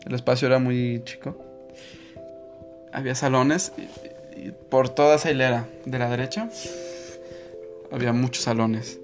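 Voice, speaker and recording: A man's voice: medium pitch, fairly even intonation, moderate pace, pauses often. A young man with a Mexican accent telling a personal childhood story in a casual, rambling way, correcting himself and laughing often. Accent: Mexican Spanish. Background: guitar music.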